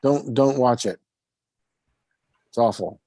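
A man's voice: mid-range voice, slow, warm tone, dry recording, clean studio sound. A middle-aged man co-hosting a podcast, talking in a loose, profane, rambling way. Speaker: podcast co-host. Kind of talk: casual chat.

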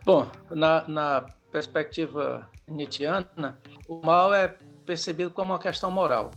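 Professor brasileiro de voz rouca. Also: male voice, a little high, faint music behind. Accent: Brazilian. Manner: measured, lecturing, with pauses. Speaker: sociology professor, guest. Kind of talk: explanatory academic talk.

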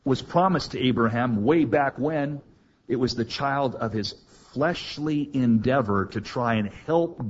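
A husky-voiced male preacher giving an expository sermon in a dramatic manner, acting out scripture and asking the congregation questions. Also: mid-range voice, muffled recording, a little hiss or hum.

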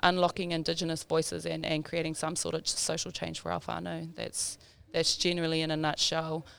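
A woman's voice: low-pitched, monotone, fairly quick, creaky, fairly bright tone, smooth. A woman in her thirties with a South Auckland Māori New Zealand accent, chatting informally as a podcast guest and mixing te reo Māori words into English. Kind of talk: casual interview chat.

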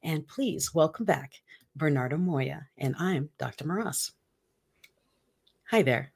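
A woman's voice: low voice, measured pace, gravelly, darkish tone, husky. A woman in her fifties hosting a talk show, upbeat and laughing often as she chats. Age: 50s. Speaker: host. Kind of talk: casual talk show chat.

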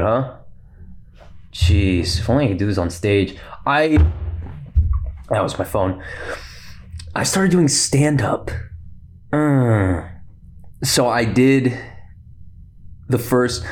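Rambling young man hosting a podcast. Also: on the low side. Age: young adult. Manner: rambling and fast-talking, with frequent laughs. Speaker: podcast host. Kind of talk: casual solo podcast chat.

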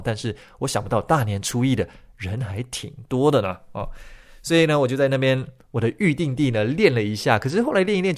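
Male podcast host, slightly low and gravelly, chatty storyteller. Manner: chatty, ends phrases with drawn-out particles.

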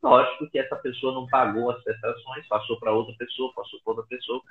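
A man telling his story as an interview guest, heard over an internet call line, halting and often repeating words. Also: medium pitch, fairly even intonation. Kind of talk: casual personal story. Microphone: remote call device. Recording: tinny echoey call audio.

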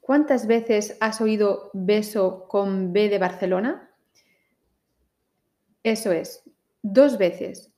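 A woman teaching pronunciation, saying each word slowly and carefully in a listening drill. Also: medium pitch, dark tone. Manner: very slow, carefully articulated minimal pairs.

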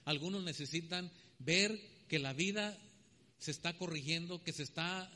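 A man's voice: a little high, moderate pace, in a large hall. A man preaching a sermon in a church, telling stories and acting out the voices of the people in them. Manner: animated storytelling preacher, acting out characters' voices.

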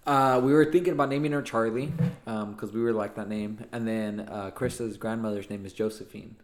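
A man's voice: lowish voice, fairly even intonation, fairly quick. A young man co-hosting a podcast in casual chat, upbeat and teasing, laughing often. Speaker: podcast co-host.

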